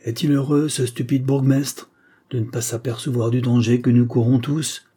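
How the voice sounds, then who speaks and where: A man's voice: mid-range voice, fairly even intonation, moderate pace, warm tone, slightly rough, lightly acted. A man voicing a sneering, self-important doctor who speaks with contempt. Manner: cutting, contemptuous.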